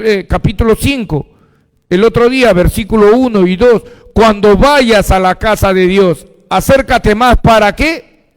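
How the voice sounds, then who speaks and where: A male pastor delivers a sermon in a voice that sits high for a man. He keeps throwing questions at his congregation and answering them himself. His words trail off into a long reverberant echo. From Peru.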